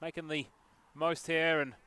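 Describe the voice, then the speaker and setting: Male commentator, bright and forceful tone, chatty local football coverage outdoors with excited bursts. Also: a little high, measured pace, clear, resonant tone, no room sound. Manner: chatty, jokey asides, excited bursts at chances. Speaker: match commentator. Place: outdoors at a local sports field. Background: passing traffic.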